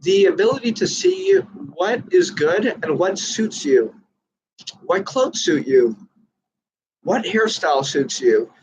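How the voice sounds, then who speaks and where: A man's voice: sits high, big pitch swings, slow, breathy edge, dull audio. A man talking casually about magic, earnest and rambling, with many fillers and restarts. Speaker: magician reviewing a book. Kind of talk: casual talk to camera.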